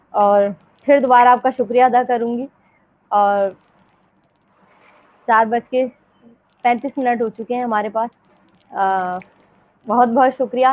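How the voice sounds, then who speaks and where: A woman's voice: on the high side, fairly even intonation, pauses often. A woman hosting a live radio show who praises her guests and thanks them politely. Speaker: host. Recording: muffled radio broadcast audio.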